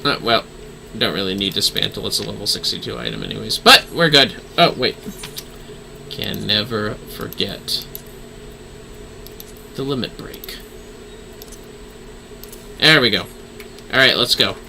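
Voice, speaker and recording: A man gives casual live gameplay commentary as a streamer, talking to himself and swearing with ease. His fairly low voice is sing-song, pushed and bright, with vocal fry, a measured pace and frequent pauses. The audio is poor, with a little hiss or hum and music behind the voice.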